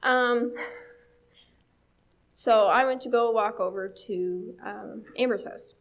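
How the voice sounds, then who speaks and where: A woman's voice: a little high, slow. A young woman with a Newfoundland accent telling a story at church, chatty, with lots of fillers and laughs. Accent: Newfoundland English. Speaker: church speaker. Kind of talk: casual storytelling talk.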